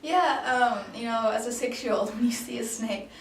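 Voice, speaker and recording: Gravelly and on the high side, at a moderate pace, a woman from Denmark in her late twenties fields questions in a casual improvised job-interview role-play. She's hesitant, with lots of ums and restarts, in an echoey room with a distant mic and faint noise.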